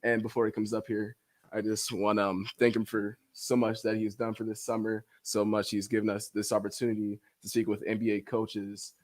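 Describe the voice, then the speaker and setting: A young man emceeing a community event, casual and grateful as he introduces the next speaker. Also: fairly low pitch.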